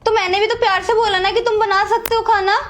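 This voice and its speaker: A woman's voice: extremely high pitch, fairly even intonation, fast talker, a bit bright. A young woman acting a selfish, dismissive wife who left her husband, pleading with her boyfriend in a dramatic short film. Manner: dismissive, pleading, mixes English phrases. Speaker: actress playing Rubika, an unfaithful wife.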